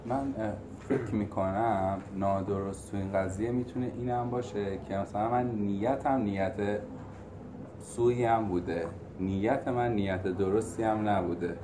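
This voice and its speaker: A man in a group meeting, sharing his view in a reflective, measured way and offering a personal example. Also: fairly low pitch, steady tone, background noise. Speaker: group member.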